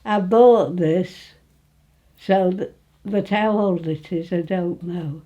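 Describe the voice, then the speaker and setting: A woman in her nineties with an East Midlands English accent, reminiscing informally in a halting way, with phrases that trail off. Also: lowish voice, mellow, muffled recording. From Retford, England. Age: 90s. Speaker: interviewee recalling her life.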